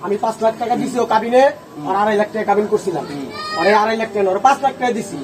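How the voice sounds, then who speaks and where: An actor playing a stubborn older village father who wants to remarry, speaking gruffly and bossily in a rural Bangladeshi Bengali dialect. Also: high-pitched, racing, natural voice. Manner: gruff, bossy, shouts people down. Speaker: father in a family drama. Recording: noisy outdoor scene from far off. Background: chattering crowd and ambient noise.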